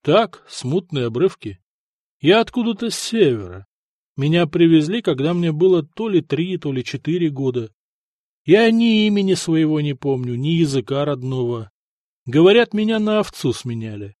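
Male reader doing a brash burly man, gruff and dismissive, slightly raised pitch, dry sound. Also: big pitch swings, moderate pace, darkish tone, no echo. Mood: skeptical.

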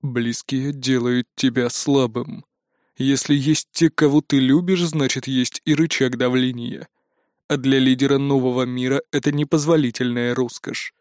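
Brief: man playing a burnt-out AI, drawn-out and cold, dry close read. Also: steady tone, a little mellow, no room sound, close to an everyday voice. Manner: slow, low and tired. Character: weary disillusioned male AI, cold and resigned.

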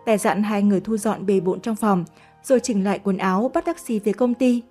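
A woman narrating an audiobook story in a gentle, measured way. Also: medium pitch, faint music behind.

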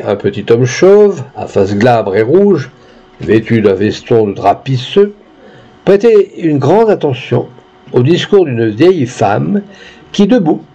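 Brief: male audiobook narrator, lively pitch, mellow tone, dull lo-fi sound. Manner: expressive, measured reading. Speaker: audiobook reader. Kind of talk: scripted narration of a story.

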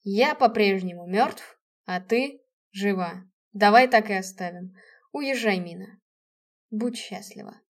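A woman's voice: mid-range voice, slow pace. A woman voicing a cold, stern dead male general who speaks harshly and curtly. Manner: harsh, clipped, curt.

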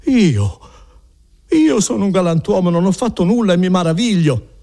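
A frightened, indignant young peasant man cries out in high, swooping protest. His voice is husky and mellow, put on by a male reader. He sounds wronged and loud. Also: lively intonation, normal speed.

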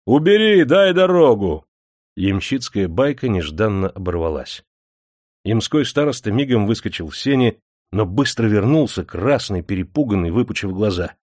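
Man, audiobook narrator, lively rising and falling pitch, expressive storytelling, close dry sound. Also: normal speed, dry recording. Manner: expressive storytelling with many voices. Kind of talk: scripted narration.

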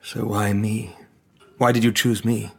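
Doctor Kemp, raspy low British gentleman. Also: little pitch movement, measured pace, full character voice. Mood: guarded. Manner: restrained, probing. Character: measured, uneasy gentleman doctor questioning a fugitive. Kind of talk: audio drama acting.

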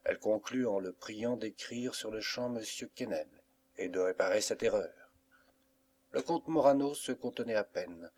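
Male narrator, low voice, measured classic-novel reading. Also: darkish tone. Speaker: audiobook narrator.

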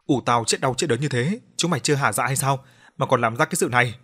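A defiant young village woman wails and quarrels with a sharp tongue, as a male narrator puts her on. The voice is pitched only a little above his own, so she still sounds like a man reading her. It is a loud, keening audiobook character part. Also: a little fast, husky, lightly acted. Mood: wailing.

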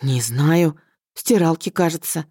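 A woman voicing a distraught middle-aged mother who pleads and reproaches in a shrill, wailing voice. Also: measured pace, warm tone, husky, no room sound, studio quality. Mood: tragic.

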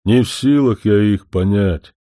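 A man voicing a young male forest spirit who speaks slowly and solemnly, a little louder than his narration. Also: lowish voice, no room sound, studio quality, natural voice. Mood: earnest. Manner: slow, deliberate, solemn.

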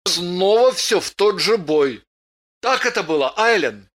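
A woman's voice: fairly low pitch, lively intonation, a little slow. A woman reading an audiobook, voicing an earnest, restless young male warrior pilot who keeps asking questions.

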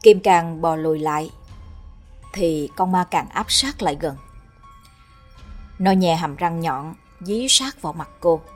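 A woman's voice: lowish voice, unhurried, pauses often, soft background music. Woman narrating a horror tale. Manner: steady, dramatic storytelling.

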